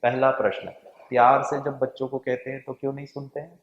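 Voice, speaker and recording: A man giving a lively spiritual lecture to an audience, telling stories with humor and asking the audience questions. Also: mid-range voice, a little fast. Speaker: spiritual speaker. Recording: echoey hall, dull lo-fi sound.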